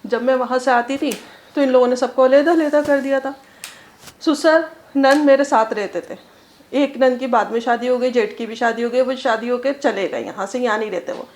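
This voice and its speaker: A woman recounts events in earnest, step-by-step detail. Her voice is notably high for a woman. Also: moderate pace, a little mellow. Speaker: interviewee, homeowner. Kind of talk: personal account in an interview.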